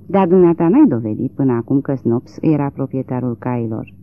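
Un bărbat care dă glas unui judecător bătrân și fragil, neliniștit și ezitant. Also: male voice, mid-range voice, expressive, no echo, natural voice. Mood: weary. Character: old, frail, troubled country judge. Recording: tinny lo-fi narrow-band recording.

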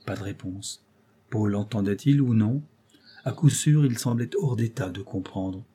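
Male audiobook narrator, measured novel reading, dark mellow husky voice. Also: lowish voice. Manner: measured, storytelling.

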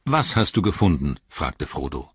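A man narrating an audiobook in measured storytelling. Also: rumbling low, very animated, slightly rough, no room sound, muffled recording. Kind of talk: scripted narration.

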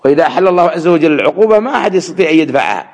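A man teaching Quran commentary, measured and repeating words to stress them. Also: a little high, lively intonation, darkish tone. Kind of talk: religious lesson explaining verses.

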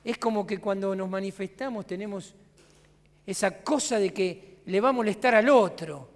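This Rioplatense-accented Argentine pastor speaks at an ordinary pace in a high voice, with long reverb filling the sanctuary. His sermon is conversational and dotted with rhetorical questions to the congregation.

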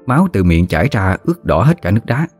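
A man with a Southern Vietnamese accent narrating a story in a lively, slangy, teasing way. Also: low-pitched, quick pace, breathy edge. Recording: faint music behind.

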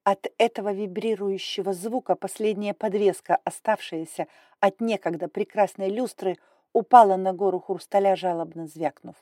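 A woman narrating a fantasy audiobook in an even, measured storytelling voice. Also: medium pitch. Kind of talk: scripted narration.

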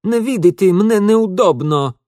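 Guy doing a prickly young nobleman, snappy and huffy, voice pushed up higher and louder, dry close audiobook sound. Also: expressive, measured pace, dry recording. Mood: indignant. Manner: indignant, snappish.

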